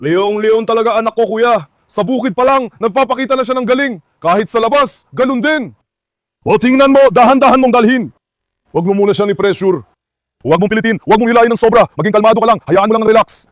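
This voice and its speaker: A man with a strikingly high voice hosts a casual dog vlog, coaxing his animals with the same calls again and again. He also gives steady instructions to a helper on how to hold and approach the dogs. The sound is dry and close, with no room echo. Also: fast talker. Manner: coaxing, keeps repeating calls and commands to the dogs. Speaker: dog owner and channel host.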